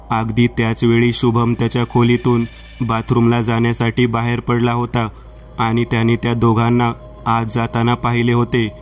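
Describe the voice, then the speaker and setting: A man narrating a horror story in a flat, unhurried scripted reading. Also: mid-range voice.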